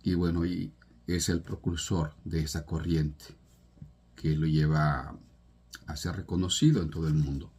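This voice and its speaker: A man's voice: very deep voice, steady tone, measured pace, darkish tone, slightly rough. A man from El Salvador giving an earnest, informal talk on a poet's life and legacy, with restarts and emphatic rises. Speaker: literature presenter.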